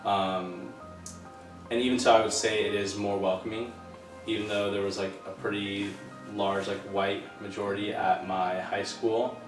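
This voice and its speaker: A man in his twenties from Southern California, answering interview questions in a measured, thoughtful way. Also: lowish voice, flat delivery. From Southern California, USA. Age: 20s. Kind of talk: casual interview. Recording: roomy sound from a distant mic with music.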